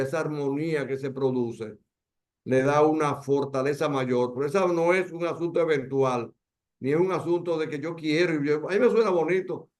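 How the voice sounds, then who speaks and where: Teaching a poetry workshop online over video, a man with a Dominican Spanish accent speaks in a slightly high, slightly mellow voice. His delivery is emphatic, with key words repeated and drawn out for emphasis.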